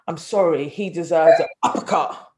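A young woman from North London with a London accent, co-hosting a casual chat, blunt and animated, swearing freely. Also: sits low, moderate pace. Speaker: podcast co-host.

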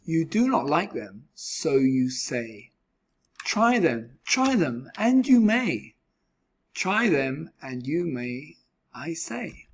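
A man's voice: fairly high pitch, very animated, takes it slowly, breathy edge, exaggerated voice. A man voicing an eager, pestering little storybook creature, coaxing in an insistent singsong. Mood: persistent.

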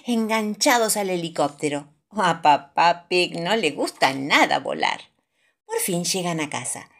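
A woman with a Rioplatense accent reading children's stories aloud in an expressive, sing-song way. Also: fairly low pitch, breathy edge. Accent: Rioplatense Spanish. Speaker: storyteller.

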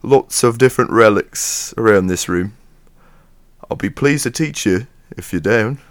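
A man voicing an old British wizard who speaks grandly and slowly of his spells and relics. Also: fairly low pitch, expressive, no echo. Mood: grand, inviting.

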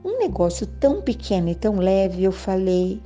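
An older woman shares memories in a mellow, dark-toned voice. She muses gently and often turns to the listener with small asides. Faint music plays softly behind her. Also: medium pitch, very animated, normal speed. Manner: gentle, musing, with soft laughs and asides to the listener. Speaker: vlogger. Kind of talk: reflective storytelling monologue. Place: home, indoors.

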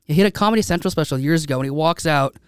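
A man's voice: fairly high pitch, very fast, clean tone, no room sound, clean studio sound. A man hosting a podcast, talking casually with many restarts and fillers. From United States. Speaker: podcast host. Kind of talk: casual chat. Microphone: studio microphone.

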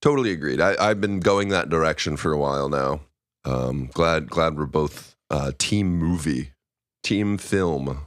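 A young man co-hosting a podcast, easygoing and quick to laugh in casual conversation. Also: very deep voice, dry recording, clean studio sound. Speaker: podcast co-host. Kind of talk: casual chat.

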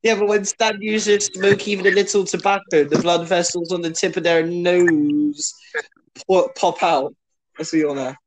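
A man's voice: high-pitched, fairly even intonation, normal speed, poor audio. A man co-hosting a podcast in casual chat, joking and rambling with lots of fillers. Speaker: podcast co-host.

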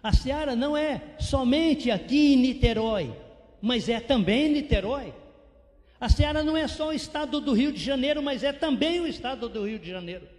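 A man preaching a missionary sermon with animated, repetitive emphasis. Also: extremely high pitch, moderate pace. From São Paulo state, Brazil. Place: church sanctuary. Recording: long church reverb.

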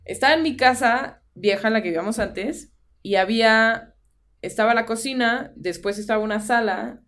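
A woman's voice: a little high, moderate pace, a bit bright. A young woman with a Mexican Spanish accent, co-hosting a podcast and telling a spooky personal story in casual chat, dropping in English phrases. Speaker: podcast co-host.

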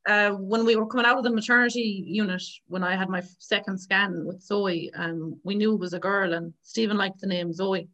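A woman's voice: mid-range voice, steady tone, fairly quick, hardly any pauses, a bit bright, rough recording. A woman in her thirties with a west of Ireland accent, telling her story informally as an interview guest. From Galway, Ireland. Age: 30s. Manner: informal, chatty, often quoting past exchanges.

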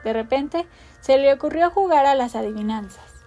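High-voiced woman reading a storybook. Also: animated, normal speed, mellow, soft background music. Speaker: narrator. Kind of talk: storybook narration.

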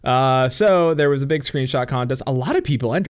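A young man talks a little fast in a clear, resonant, medium-pitched voice, with clean studio sound and no room sound. Co-hosting a casual gaming podcast over a voice call on a computer mic, he giggles a lot, swears freely and uses many fillers.

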